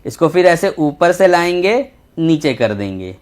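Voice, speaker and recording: A man teaching a children's Urdu lesson, patient and slow, repeating each letter as he writes. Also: fairly high pitch, big pitch swings, darkish tone. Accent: Indian Urdu. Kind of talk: textbook lesson for young children.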